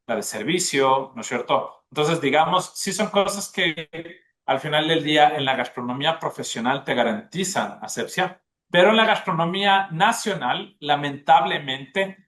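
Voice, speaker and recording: The dean of a gastronomy school, an Ecuadorian man, is interviewed on a podcast and explains things in depth. His fairly high voice is expressive and a bit bright at normal speed, and he regularly checks in with the listener, tagging "¿no es cierto?".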